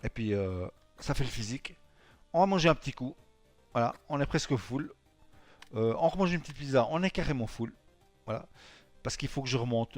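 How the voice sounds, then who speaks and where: A man's voice: mid-range voice, darkish tone, no room sound. Swiss French man rambling over gameplay. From Switzerland. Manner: rambling, filler-heavy, tags lines with "hein". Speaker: let's play gamer. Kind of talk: casual gameplay commentary.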